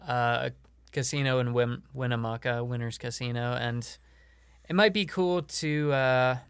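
A man's voice: mid-range voice, a bit bright, smooth, dry recording. A man chatting casually as a podcast guest, rambling with lots of fillers and frequent laughs. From Illinois. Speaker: podcast guest, comedian and show producer.

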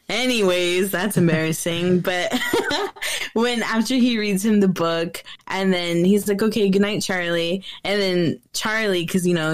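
A young woman co-hosting a podcast, giggling as she retells favorite movie scenes and swearing now and then. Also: fairly low pitch. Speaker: podcast co-host. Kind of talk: casual chat about a movie.

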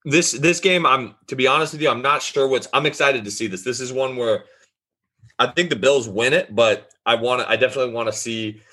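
A man co-hosting a casual sports talk show, energetic and enthusiastic, talking in long runs. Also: medium pitch, a little fast. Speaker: sports podcast co-host.

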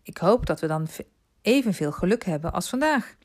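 A woman's voice: on the low side, animated, a little fast, darkish tone. A woman voicing a polite, modest young boy who performs on the street for his living, in a storybook reading.

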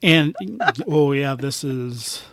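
A man's voice: medium pitch, steady tone, slow. Teasing man joking on a podcast. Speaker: podcast guest. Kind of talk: casual podcast banter.

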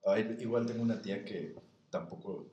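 A man's voice: on the low side, moderate pace, mellow, far from the mic. A young man with a Mexican accent telling funny anecdotes in a casual chat, laughing often and mimicking people in his stories. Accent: Mexican Spanish. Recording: echoey room, voice a bit off-mic.

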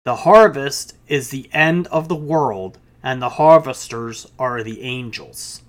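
A man's voice: mid-range voice, slow pace. A male pastor preaching a sermon, reading scripture aloud and explaining it with casual asides.

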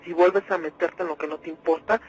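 A woman's voice: lowish voice, fairly even intonation, fairly quick, slightly rough, pitched below the performer's own voice, rough recording. A woman putting on a menacing demon voice. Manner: threatening, contemptuous. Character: menacing male demon possessing a girl.

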